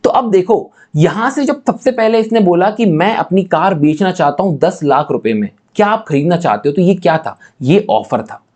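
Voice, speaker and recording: Dark-voiced man teaching law. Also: high voice, expressive. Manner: reads definitions out slowly, asks rhetorical check-in questions. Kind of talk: explanatory lecture mixing Hindi and English.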